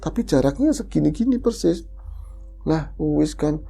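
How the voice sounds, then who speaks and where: Gravelly woman telling a ghost story. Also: deep voice, unhurried, faint music behind. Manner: lively first-person storytelling with voiced quotes. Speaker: horror story podcast host. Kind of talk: retelling a listener's ghost story.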